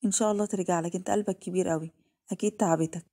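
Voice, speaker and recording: A woman's voice: on the low side, fairly even intonation, racing. Woman voicing a chatty kind nurse. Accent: Egyptian Arabic. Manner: warm, chatty, reassuring.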